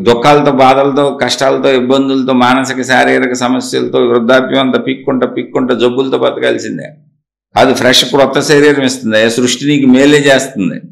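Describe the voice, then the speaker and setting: A man's voice: mid-range voice, creaky, echoey room. A man giving a spiritual discourse, asking rhetorical questions and answering them himself, sometimes voicing a listener's complaint. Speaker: spiritual teacher.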